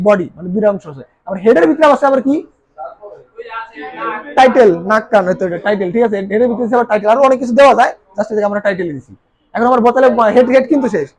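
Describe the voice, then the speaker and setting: High-pitched guy teaching a class, asks questions then answers them himself. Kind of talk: recorded class lecture.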